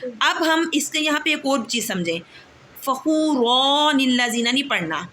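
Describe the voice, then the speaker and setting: A woman teaching a tajweed lesson, patient, often checking that students understand, and slowly drawing out recited words. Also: sits high, animated, bright, forceful tone, slight background noise.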